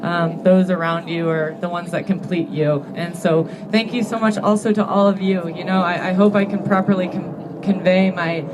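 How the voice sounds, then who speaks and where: A woman in her thirties giving an emotional acceptance speech at a banquet, earnest and grateful, turning teary and halting at times. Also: on the low side, fairly even intonation, highs cut off, noisy background. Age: 30s. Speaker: award-winning athlete giving a thank-you speech. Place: banquet hall with an audience.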